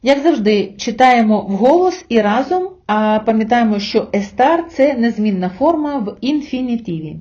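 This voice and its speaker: A woman giving a spoken language lesson, often calling her listeners friends and saying example words slowly and carefully. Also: on the high side, lively intonation, mellow, lo-fi sound. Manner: addresses listeners as friends, with hesitation fillers. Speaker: Spanish language teacher.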